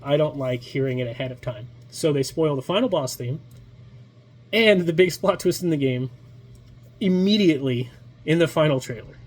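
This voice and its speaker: A man's voice: fairly high pitch, expressive, normal speed. A man with a nasal voice from being sick, giving a chatty, casual video game review with many ums and uhs.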